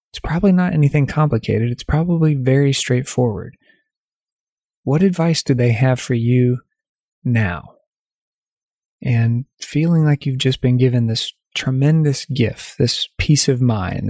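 A man leads a guided visualization in a calm, gentle voice, speaking straight to the listener and letting his phrases rest between pauses. His pitch sits in an ordinary middle range, and the recording is dry and close, with no room sound around him. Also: no room sound. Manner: calm, gentle second-person storytelling with pauses. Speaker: meditation guide.

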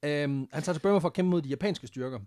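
A man's voice: on the high side, darkish tone, no echo, studio quality. A man casually telling a history story on a podcast, laughing often and swearing freely, with English phrases mixed in.

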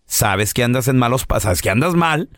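A man hosting a comedy radio show, animated and joking. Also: medium pitch, normal speed, no room sound, studio quality. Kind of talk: casual comedy radio chat.

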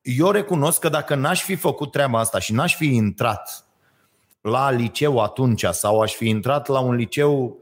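A man hosting a casual podcast chat, hesitating often with fillers and retelling stories animatedly. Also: mid-range voice. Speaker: podcast host.

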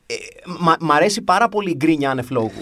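A man's voice: a little high, expressive, fairly bright tone. A man chatting casually as a podcast co-host, telling stories with wry, grumbling humor. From half English. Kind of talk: casual chat.

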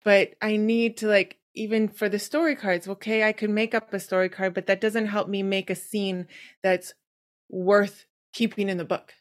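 A woman's voice: medium pitch, little pitch movement, normal speed. A woman hosting a writing podcast, talking in a loose, rambling way and thinking aloud. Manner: rambling and chatty, thinks aloud with many fillers. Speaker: podcast host. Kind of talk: casual podcast conversation.

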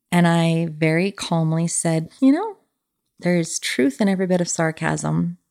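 A middle-aged woman with a notably low voice tells a personal story. She speaks earnestly and reflectively, in a sincere, thoughtful manner.

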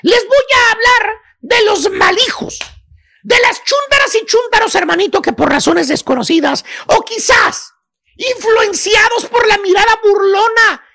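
A shrill, squeaky comic preacher, put on by a man, rants at his listeners with a Mexican accent. The voice sits far up in a high register and cracks into a gravelly rasp. He shouts and scolds and slips into mock sobs in a radio comedy bit. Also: unhurried, full character voice. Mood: ranting. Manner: shouting, ranting, scolding with sobbing whines. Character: loud preachy male "maestro" lecturing sons about their mothers.

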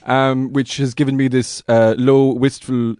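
A man playing an old Irish storyteller, earnest and absurd, with a lilting, wistful, halting delivery in an improvised comedy interview. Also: medium pitch, little pitch movement, a little mellow, clear, resonant tone, dry recording, clean studio sound, natural voice. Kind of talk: improvised comic interview in character.

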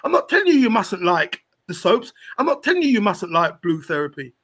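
A man's voice: sits high, very animated, a little fast, fairly bright tone. A man talking as a panel guest in an impassioned, opinionated, emphatic way, repeating phrases for weight.

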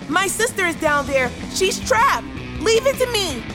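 Very high-pitched plucky kid adventurer. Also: female voice, very animated, unhurried, loud music behind the voice, full character voice. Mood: alarmed. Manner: earnest, exclamatory. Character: plucky, easily flustered child adventurer piloting a submarine. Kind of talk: children's audio adventure acting.

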